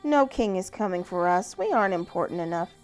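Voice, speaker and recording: A woman voicing an eager, excitable little boy mouse with a squeaky manner. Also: brisk, soft background music, lightly acted.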